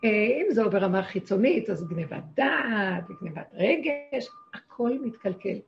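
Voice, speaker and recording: A woman's voice: mid-range voice, expressive, creaky, lo-fi sound. A woman giving a religious lesson to a group, speaking emphatically in short, repeated phrases. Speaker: spiritual teacher.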